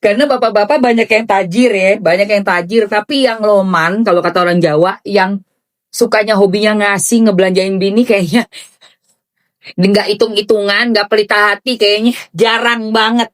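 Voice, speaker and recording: A woman giving excited, gushing reaction commentary on celebrity gossip in chatty slang. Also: mid-range voice, normal speed.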